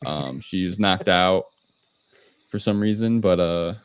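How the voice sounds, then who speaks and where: He takes it slowly, his deep, smooth voice recorded dry. As a podcast host, he gives a casual movie recap, loosely explaining the film in an informal, hesitant manner.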